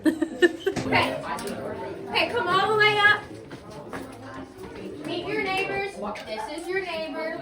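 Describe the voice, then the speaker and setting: A woman's voice: very high-pitched, steady tone, distant mic, over a noisy crowd. Woman tour guide giving directions in a cave; echoey rock chamber, off-mic, busy group noise. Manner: directs the group, brisk friendly instructions. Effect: cave echo.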